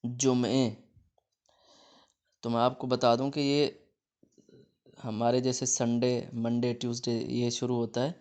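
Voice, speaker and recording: A man with a Pakistani Urdu accent teaching a Persian lesson, saying each word louder and then explaining it more quietly. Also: medium pitch, little pitch movement, pauses often. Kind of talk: classroom-style lesson explaining vocabulary.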